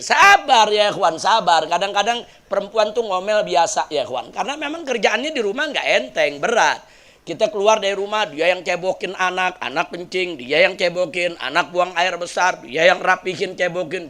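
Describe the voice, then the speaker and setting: Lively storytelling preacher; high, bright voice. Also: male voice. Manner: lively storytelling with jokes and audience questions. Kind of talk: sermon.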